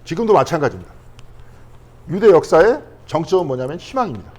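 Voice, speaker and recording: Quick, lively male pastor teaching. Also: fairly high pitch, breathy edge, dull audio. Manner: asks the class questions, then answers them himself; conversational, checking in with frequent tag questions. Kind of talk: Bible study lecture.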